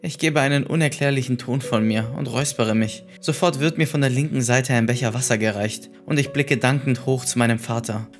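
A man narrating horror stories in a measured, scripted storytelling manner. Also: medium pitch, faint music behind.

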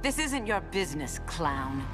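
A battle-hardened warrior princess from a game, low in pitch with lively swings. She speaks formally and commandingly, like nobility, over clear background music. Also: a little slow. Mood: stern, cold. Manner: formal, lofty, archaic phrasing. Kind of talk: dramatic video game cutscene acting.

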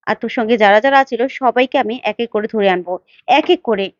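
Woman doing a defiant young heroine: blunt, mocking threats, quick and high. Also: dry recording, muffled recording, natural voice. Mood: threatening.

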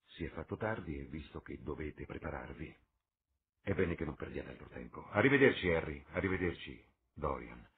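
A man's voice: extremely low pitch, expressive, normal speed. A man doing a melancholy, earnest painter. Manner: subdued, pleading. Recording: tinny lo-fi with faint hiss.

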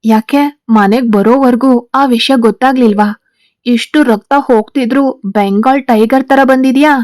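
A woman's voice: on the high side, fairly even intonation, normal speed, darkish tone, dry recording, close to an everyday voice. A woman voicing an angry, tearful young wife who speaks reproachfully, in a spoken story.

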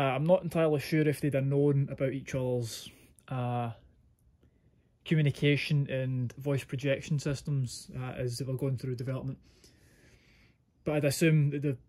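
A man's voice: mid-range voice, dark tone. A man giving a casual hands-on product review in an informal, rambling way, often correcting himself. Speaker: gear reviewer.

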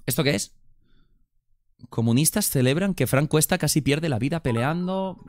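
A young man with a Spain Spanish accent reacting live on a stream, excitable and slangy, repeating words in bursts. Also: fairly high pitch, normal speed, dry recording, studio quality.

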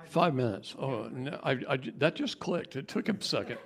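Animated man giving a seminar talk. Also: normal speed, creaky. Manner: animated, jokey, voice rises high when worked up. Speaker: seminar speaker.

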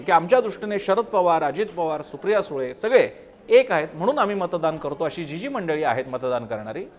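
High-voiced news host explaining. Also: male voice. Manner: analytical, reels off vote figures. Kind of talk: political explainer monologue.

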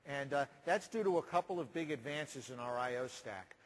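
A man in his forties giving a measured, explanatory keynote talk on a large conference stage, pausing often with "uh". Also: medium pitch, lively intonation, poor audio. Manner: measured, explanatory, frequent uh fillers. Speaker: keynote presenter.

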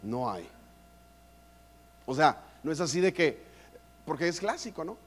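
Joking preacher, raised pitch. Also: male voice, unhurried, long reverb tail, slight background noise. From Mexico. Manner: joking, animated, playful with the crowd. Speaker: conference speaker. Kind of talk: humorous preaching. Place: church conference hall.

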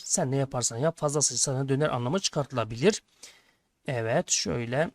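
A man's voice: fairly high pitch, no room sound, clean studio sound. Man teaching a Turkish lesson. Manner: addresses pupils as friends, reads questions aloud then answers. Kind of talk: textbook lesson walkthrough.

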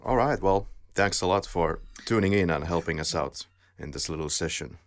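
A man's voice: low-pitched, moderate pace. A man hosting a film podcast, speaking in brief, matter-of-fact prompts. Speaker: podcast host. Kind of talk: casual podcast discussion.

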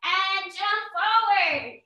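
A woman's voice: very high voice, very slow, pushed and bright, dull audio. A woman teaching a children's yoga class, calling out poses in an upbeat, encouraging, sing-song way. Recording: echoey room, voice from far off.

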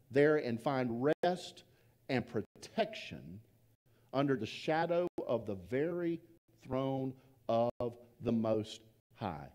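A man preaching a sermon as pastor, telling stories and trailing off softly to drive his points home. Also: mid-range voice. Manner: storytelling, trailing off softly for emphasis.

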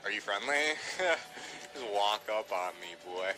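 A man streams a roleplay game, chatting casually in character and bossing his squad around like a leader, often repeating his orders. His voice is fairly low, expressive and unhurried, with clear music and game audio behind him on a rough recording.

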